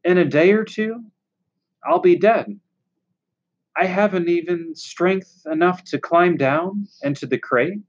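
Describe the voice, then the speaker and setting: A woman voicing a weary, motherly female spider from a storybook, calm and firm in manner. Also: on the low side, slow pace, dull audio. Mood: weary, resigned.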